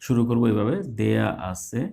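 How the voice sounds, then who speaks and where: A man's voice: on the low side, flat delivery, brisk, creaky, warm tone. A man teaching a math lesson live online, explaining step by step in a patient way with small hesitations.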